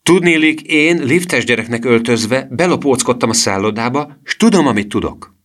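A man voicing a cheeky, boastful boy in an audiobook reading, loud and proud. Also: mid-range voice, lively intonation, pitched above the performer's own voice.

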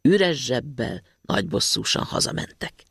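A man narrating a fairy tale in a storybook reading, expressive and lively. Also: mid-range voice, vocal fry, slightly rough, no echo, clean studio sound.

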